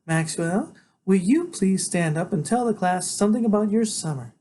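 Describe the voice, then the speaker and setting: A man's voice: high voice, expressive, normal speed, dark tone, slight background noise, voice pushed up. A man voicing a new, flustered woman teacher who speaks in a prim, polite way.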